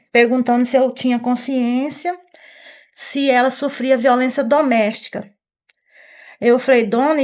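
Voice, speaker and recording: A middle-aged woman with an interior São Paulo accent tells her story in a fairly high voice. She is shaken and nervous, and she wanders through the events while quoting what each person said. She keeps checking in with "né?". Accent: Brazilian Portuguese, São Paulo interior. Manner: rambling retelling full of quoted dialogue and "né?" tags. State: distressed, nervous. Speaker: mother of the victim. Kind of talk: emotional first-person testimony.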